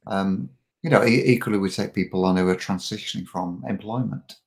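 Middle-aged man guest, deep gravelly voice, stumbling restarts, casual chat. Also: fairly quick. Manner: frequent repeated words and restarts. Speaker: podcast guest, marketing coach.

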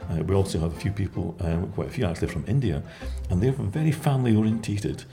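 A man from Scotland speaks in a low, mellow voice as he answers interview questions. He is reflective and often repeats a word while he gathers his thoughts. Faint music plays behind him. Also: quick pace, vocal fry.

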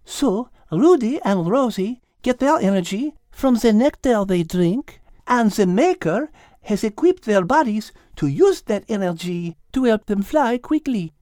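A woman's voice: medium pitch, animated, unhurried, mellow, no echo, clean studio sound, voice pushed up, lightly acted. A woman voicing an encouraging female teacher with a put-on French accent who drops French words into her explanations. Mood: enthusiastic.

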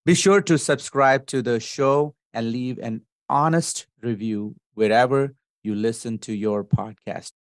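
A man's voice: mid-range voice, measured pace, hardly any pauses, dry recording, studio quality. A man hosting a podcast interview, easygoing and informal. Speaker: podcast host.

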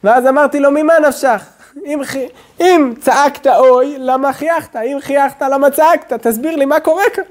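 A male rabbi giving a sermon, speaking slowly and deliberately and often dropping to a low, quiet tone. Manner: slow, deliberate preaching with sudden drops to a low hush.

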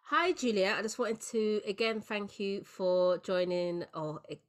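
A woman's voice: medium pitch, a little slow. Chatty woman hosting a podcast. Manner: chatty, encouraging with frequent backchannels. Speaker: podcast host. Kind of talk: casual podcast interview.

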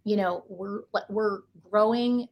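A woman's voice: mid-range voice, steady tone, takes it slowly, a little mellow. A woman guest talking casually in an interview, chatty and playful. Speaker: guest, talent acquisition executive.

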